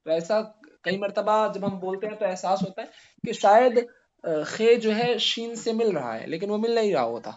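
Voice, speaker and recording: A male grammar teacher giving a classroom lesson, spelling out letters slowly and putting questions to his students. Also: high-pitched, lively intonation, lo-fi sound.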